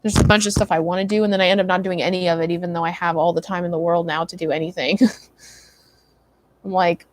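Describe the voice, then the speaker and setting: A woman's voice: lowish voice, fairly even intonation, brisk, dry recording. A tired young woman chatting casually with her stream viewers, rambling with many likes and ums. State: tired, yawning. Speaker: livestream host.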